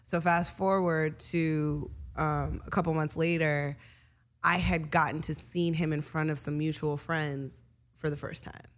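A woman's voice: deep voice, steady tone, measured pace. A woman guest on a podcast, telling a candid personal story in casual chat, full of "like" and the odd curse word. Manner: candid storytelling, lots of filler "like", casual profanity.

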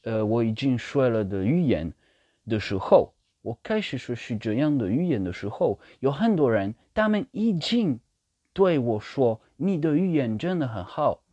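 A man speaking non-native Mandarin with a foreign accent, talking casually and haltingly as he searches for words and repeats phrases for emphasis. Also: mid-range voice, big pitch swings, warm tone, no room sound. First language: not Mandarin. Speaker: language learner sharing his experience. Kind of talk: casual monologue in a learned language. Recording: dull, slightly lo-fi sound.

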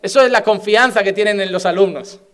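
A man's voice: high-pitched, fairly quick, fairly bright tone. A middle-aged man with a Spanish accent from Spain, preaching a sermon with passion and many rhetorical questions. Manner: passionate, rhetorical questions, builds to fervent exhortation.

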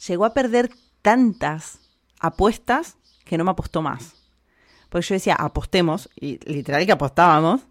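A woman's voice: on the low side, moderate pace. Chatty Argentine woman vlogging. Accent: Argentine Spanish. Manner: animated, talkative, opinionated, with frequent fillers. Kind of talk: casual chat to camera.

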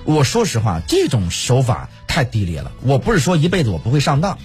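A man's voice: mid-range voice, a little fast, soft background music. A man from Pingdingshan telling stories in casual chat, acting out phone calls and laughing often. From Pingdingshan, Henan. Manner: animated storyteller, acts out phone calls with laughs. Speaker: co-host.

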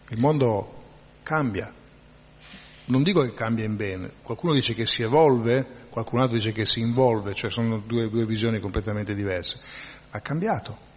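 A man's voice: on the low side, big-room sound, a little hiss or hum. A man teaching a spiritual class in a conversational lecturing way, often checking in with his listeners and restarting his phrases. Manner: conversational, frequent tag questions and restarts.

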